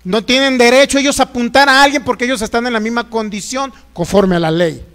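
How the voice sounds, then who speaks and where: A man's voice: very high-pitched, fast talker, fairly bright tone. A middle-aged man with a Jalisco Mexican accent, preaching a sermon as pastor, jokey and folksy, firing rhetorical questions.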